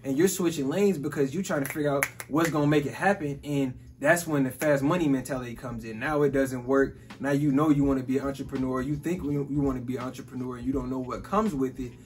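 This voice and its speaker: A man's voice: mid-range voice, fairly even intonation, quick pace, few pauses, a little hiss or hum. A man in his twenties from Chicago, hosting a casual chat about business and money, easygoing and saying "bro" and "like" constantly. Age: 20s. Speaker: podcast host.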